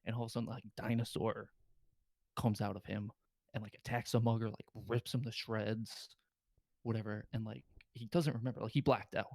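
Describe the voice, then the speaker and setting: A man's voice: lowish voice, steady tone, a little fast, vocal fry, darkish tone, no room sound. A man hosting a podcast, rambling through a casual movie recap with loads of filler words. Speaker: podcast host.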